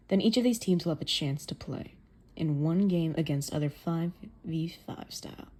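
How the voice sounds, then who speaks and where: A woman's voice: sits low, moderate pace, darkish tone, pitched below the performer's own voice. A woman voicing a stern, scheming male football coach who speaks in a cold, blunt, commanding way during a manga reading.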